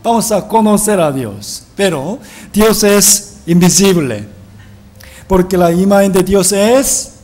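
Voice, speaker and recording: Slow and animated, this man's voice sits high with a darkish tone as he leads a Bible seminar like a sermon. Reading passages of scripture aloud, he asks his audience rhetorical questions, frequently tacking on a tag question.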